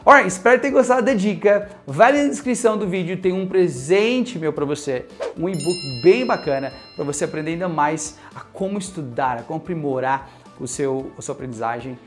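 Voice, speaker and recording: A man's voice: a little high, moderate pace, few pauses, faint music behind. A man with a Brazilian Portuguese accent giving a casual English lesson, mixing in English phrases and checking in often with the viewer. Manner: animated, mixes in English phrases, keeps checking in with "ok?". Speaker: English teacher.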